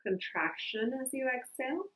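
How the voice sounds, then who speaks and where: A woman leading a calm grounding exercise as a meditation guide, speaking gently and unhurriedly with long pauses. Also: high voice. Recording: roomy, echoing sound.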